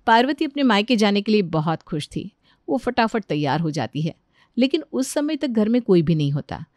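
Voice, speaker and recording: Woman narrator, calm storybook read, dry close sound. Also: medium pitch, normal speed, no room sound. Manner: even, storytelling delivery.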